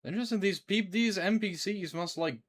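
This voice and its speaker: A man's voice: high voice, brisk. A man giving casual, slangy gameplay commentary, often muttering to himself and swearing. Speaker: video game streamer.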